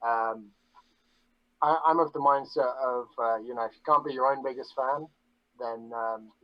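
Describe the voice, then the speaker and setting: A man chatting casually on a podcast, bragging about himself in a deadpan, mock-grandiose way. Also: medium pitch, normal speed, no echo, dull audio. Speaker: guest.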